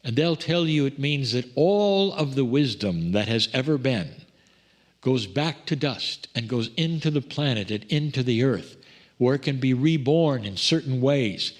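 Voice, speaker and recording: A man speaking as a loving spirit entity in a channeled message, in a slow, tender, solemn way. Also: medium pitch, lively intonation, voice pushed up.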